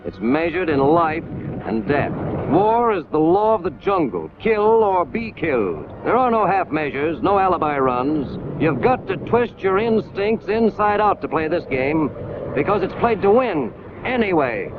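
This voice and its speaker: Through a scratchy, tinny 1940s film soundtrack full of loud noise, an American man delivers scripted military training-film narration with emphatic, hard-hitting, clipped phrasing. His high voice is very animated, his pace measured.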